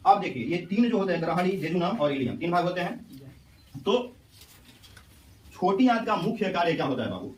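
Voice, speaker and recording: A man's voice: high-pitched, expressive, normal speed, pauses often, slight background noise. A male teacher, lecturing a class and quizzing students with repeated questions. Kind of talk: classroom lecture with call-and-response. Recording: echoey classroom, mic at a distance.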